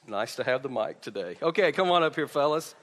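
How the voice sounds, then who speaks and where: A male pastor speaking into a pulpit microphone during a sermon, halting and repeating words, with joking asides while leading children through an object lesson. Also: mid-range voice, expressive, fairly bright tone, big-room sound. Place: church sanctuary.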